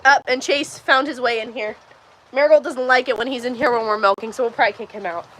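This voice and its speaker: This Texan host talks fast in a slightly high, fairly bright voice with fairly even intonation. She's doing farm chores in a barn's milking stall, answering viewer questions on a casual livestream as she urges the cows on, and the rough recording carries slight background noise.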